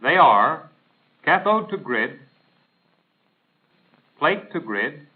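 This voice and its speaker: Very slowly and with big pitch swings, a higher-pitched American man reads scripted instructions. He keeps a formal, precise, didactic tone reminiscent of a 1940s military training film, and the recording is a tinny, band-limited 1940s film soundtrack.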